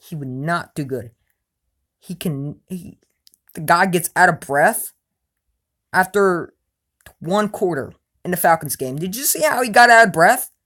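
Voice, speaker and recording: Animated yet unhurried, this woman rants about sports while answering viewers' questions in a relaxed vlog, leaving long pauses. Her delivery is emphatic, peppered with "you know what I'm saying," lurching from loud bursts to quiet muttering.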